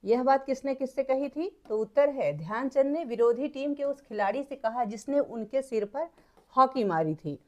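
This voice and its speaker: A woman's voice: high-pitched, expressive, normal speed, dark tone. A woman teacher patiently working through textbook exercises step by step, repeating points for her students. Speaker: Hindi teacher.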